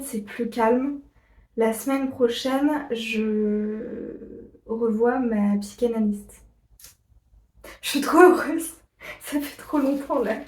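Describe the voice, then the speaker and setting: A woman vlogger chatting casually to her viewers, rambling and pausing often on fillers. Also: a little high, dark tone, recorded from a distance. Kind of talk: casual chat to camera. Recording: echoey room, voice a bit off-mic.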